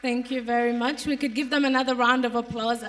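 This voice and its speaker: A young woman opens and guides a university panel with poised, rhetorical phrasing. Her voice sits a bit high and reaches the mic from some distance in the room. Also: flat delivery, fairly quick, a bit bright. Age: young adult. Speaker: panel moderator. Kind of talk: formal panel moderating. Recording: voice picked up from a distance.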